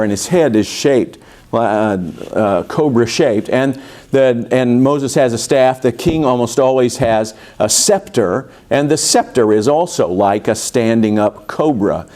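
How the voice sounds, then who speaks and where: A man, a pastor, leads an informal Bible study. He is conversational and halting, with frequent restarts. He keeps putting questions to his listeners. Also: mid-range voice, dark tone.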